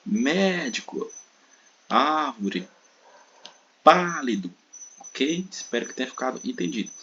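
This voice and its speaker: A man's voice: medium pitch, muffled recording, a little hiss or hum. A Brazilian man teaching an online Portuguese grammar lesson, explaining step by step with frequent tag questions and stretched stressed syllables. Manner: stretches stressed syllables when giving examples.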